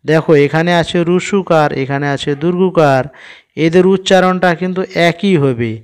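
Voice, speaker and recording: A man teaching children to read, patiently spelling each word syllable by syllable before saying it slowly. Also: a little high, clean tone. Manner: patient, asks the listener questions. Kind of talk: reading lesson for children.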